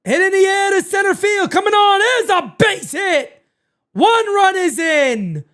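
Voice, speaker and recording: Hosting a live fan watch party, a man with a very high voice takes his time calling the game and chatting with the audience. His voice is fading, but he still gets excited, hollering on big plays and swearing without restraint.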